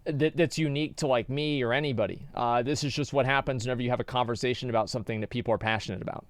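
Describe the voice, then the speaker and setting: A man's voice: mid-range voice, fairly even intonation, racing. A man streaming, chatting casually and reading donations, rambling and stumbling over repeated words.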